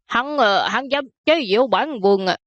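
A woman voicing a vain, plump older prince who grumbles in a slow, huffy way. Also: a little high, animated, no room sound, lo-fi sound, natural voice. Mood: grumpy.

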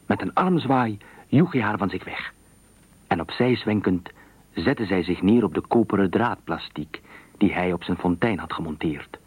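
A man narrating a radio story in a measured, deliberate way, with a husky voice. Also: low-pitched, expressive, darkish tone, dry recording.

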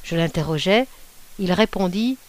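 A woman narrating a classic short story in a measured, unhurried reading voice. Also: on the low side, expressive, dry recording. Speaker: audiobook reader.

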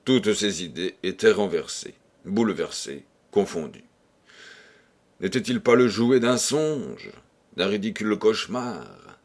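Slow, expressive male audiobook narrator. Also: on the low side. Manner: expressive, deliberate storytelling. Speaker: audiobook reader.

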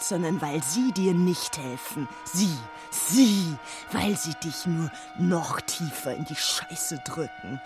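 In an intense literary radio monologue, a woman with a lowish voice plays a bitter, furious, anguished figure. Her delivery is deliberate and insistently repetitive.

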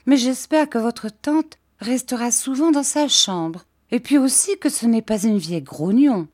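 A woman's voice: animated, unhurried, darkish tone. Woman doing a pouting childish young woman. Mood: pleading. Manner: pleading, pouting, high and breathy.

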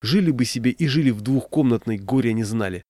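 Nervous grown son, as a narrator puts him on, reproachful, plain voice, dry read. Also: male voice, mid-range voice, animated, quick pace, darkish tone, dry recording, natural voice. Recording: dry close recording.

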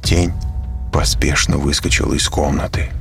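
A man narrating an audiobook in an expressive storytelling manner. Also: extremely low pitch, normal speed, vocal fry, soft background music. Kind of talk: scripted narration.

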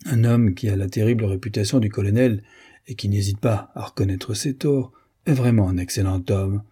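A man's voice: on the low side, moderate pace, dark tone, husky. A man reading the lines of an anxious, spirited young woman in a novel. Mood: eager.

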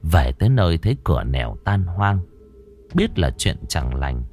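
Deep-voiced male storyteller, lively, dramatic pitch swings, suspenseful ghost-story read. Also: normal speed, soft background music.

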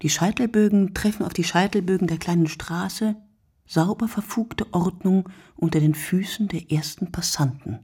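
In a literary radio play monologue, an actress voices a weary, observant woman who watches the early-morning street from her window. Her husky, breathy voice sits on the low side and is a little mellow, coming in measured, short phrases that often sink to near a whisper. The mood is musing, the narration is scripted, and the studio sound is clean with no echo.

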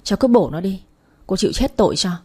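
A woman's voice: mid-range voice, animated, breathy edge. Woman putting on a brash scolding old aunt. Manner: blunt, scolding, quick to shout. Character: brash, talkative older woman shopper.

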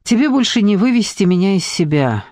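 A man reading an audiobook, voicing a calm young female ghost who speaks steadily and with assurance. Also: high-pitched, fairly quick, no echo, studio quality.

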